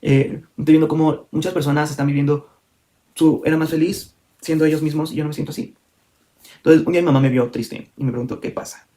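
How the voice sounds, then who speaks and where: A young man recounts a personal story to his viewers. He rushes through it at a quick clip, candid and a little rambling, correcting himself as he goes. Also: a little high, fairly even intonation, dark tone. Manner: fast, candid, full of fillers and self-corrections. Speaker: vlogger.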